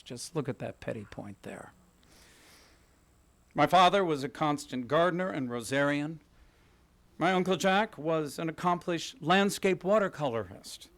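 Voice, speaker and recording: A middle-aged man from Kansas City giving a prepared talk at a podium in an event hall, gracious and self-deprecating, telling stories in a polished way. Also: fairly high pitch. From Kansas City, USA. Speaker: guest speaker, interior designer. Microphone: podium microphone.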